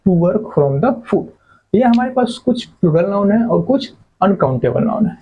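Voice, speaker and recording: A man's voice: high-pitched, dark tone, husky, dull audio. A man teaching English grammar in a classroom-style lecture, often asking a question and then answering it himself. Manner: asks questions and answers them himself, repeats key words.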